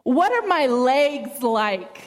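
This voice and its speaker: A woman voicing an eager, hopeful male snake in a told story, excited and gushing. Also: high voice, slow, full character voice. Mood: dismayed. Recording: echoey hall.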